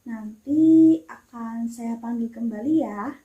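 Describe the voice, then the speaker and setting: A woman's voice: a little high, slow, dark tone, highs cut off. A woman playing a polite X-ray nurse in a scripted role-play, giving instructions in a customer-service manner. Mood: polite, calm.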